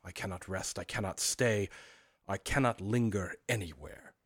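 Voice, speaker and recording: A man voicing a tormented old male ghost, speaking loudly, slowly and with great solemnity. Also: low voice, breathy edge, full character voice. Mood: mournful. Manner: loud, slow, declamatory. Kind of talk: storybook reading.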